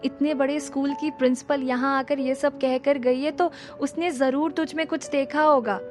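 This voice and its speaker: A woman's voice: sits high, steady tone, moderate pace, lightly acted. A woman voicing a doting but stubborn middle-aged mother who talks in an insistent, scolding way. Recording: music playing under the voice.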